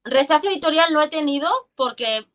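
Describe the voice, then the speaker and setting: A woman's voice: high-pitched, a little fast. A woman, a guest writer chatting expressively in an interview over a video call, often restarting her sentences. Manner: expressive, frequent restarts and fillers. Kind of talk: casual interview chat.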